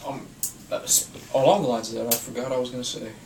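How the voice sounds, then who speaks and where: Fast-talking young guy, rambling in a roomy echo. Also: medium pitch, fairly even intonation, noisy background. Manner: rambling, restarts often. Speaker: podcast co-host. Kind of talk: casual chat. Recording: echoey room, mic a bit distant.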